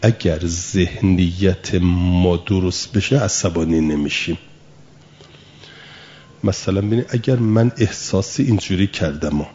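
A man's voice: deep voice, dark tone, dull audio. A man teaching a lesson, patiently explaining through everyday examples and asking rhetorical questions. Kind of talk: spoken lesson.

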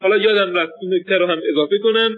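A man teaching a lesson on names and their pronunciation, thinking aloud with hesitations and restarts. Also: high-pitched. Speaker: seminary teacher. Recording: distant, phone-like lo-fi recording.

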